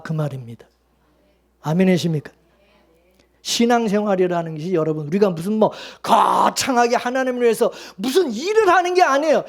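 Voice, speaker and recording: A male pastor preaching a Sunday sermon, blunt and colloquial, firing rhetorical questions at the congregation. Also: extremely high pitch.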